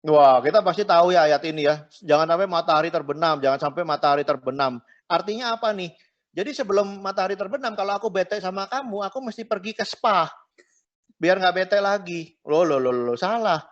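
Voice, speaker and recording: A man's voice: high-pitched, fairly quick. A middle-aged man, a pastor, teaching a marriage class in a chatty way, tagging his phrases and mixing in English words. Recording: dull lo-fi recording.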